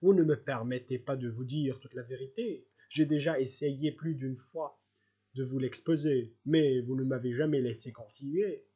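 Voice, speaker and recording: A man's voice: mid-range voice, moderate pace, dark tone, slightly rough, dull audio, close to an everyday voice. A man reading the part of a fawning, scheming middle-aged clerk who pleads in a wheedling, self-abasing way. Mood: pleading.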